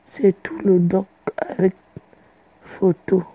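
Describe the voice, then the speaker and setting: A woman's voice: mid-range voice, little pitch movement, slow, breathy edge, phone-quality sound. A woman chatting casually to her fans in a playful, boastful way. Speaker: social media personality addressing fans. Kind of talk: casual live video chat.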